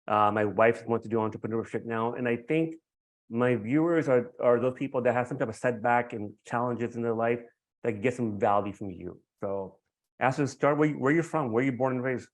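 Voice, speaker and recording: A man hosting a podcast interview, friendly and halting, often repeating his words. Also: mid-range voice. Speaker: podcast host.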